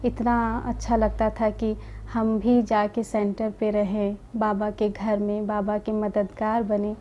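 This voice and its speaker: A young woman giving a gentle personal testimony about her spiritual path, quoting conversations in her own voice. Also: mid-range voice, monotone, slow pace, highs cut off. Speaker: spiritual community member sharing her experience.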